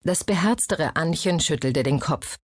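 A woman's voice: low-pitched, no echo, clean studio sound. Woman narrating a historical audiobook. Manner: even, measured storytelling. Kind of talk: scripted narration.

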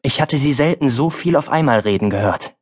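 A man reading a fantasy audiobook in a calm, even, first-person storytelling manner. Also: mid-range voice, brisk, slightly rough. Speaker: audiobook narrator. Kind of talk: scripted first-person narration.

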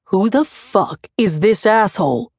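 A woman's voice: animated, measured pace, a little mellow, no echo, studio quality. A woman doing a growling, possessive young man. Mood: gruff. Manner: low growling menace.

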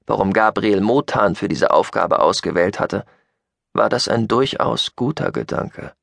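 A man narrating a science-fiction audiobook in an expressive, scripted reading. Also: lowish voice, creaky, no room sound, studio quality.

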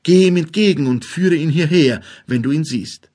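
A man voicing a poor widowed mother who gently and anxiously urges her son to go and find their guest. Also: on the high side, normal speed, voice pushed up, lightly acted. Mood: worried.

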